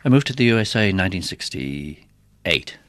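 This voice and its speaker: A middle-aged theatre organist, interviewed as a guest, casually reminisces about his career in music. His low, slightly bright voice has a sing-song lilt at a moderate pace, with no echo.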